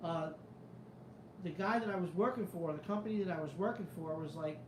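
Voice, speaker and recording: Fairly quick and fairly high in pitch, this man's voice carries through an echoey room with a noisy background. He's a show host from around New York reading his live chat in a casual, rambling way, skeptical and swearing freely, with an intermittent New York Italian-American accent.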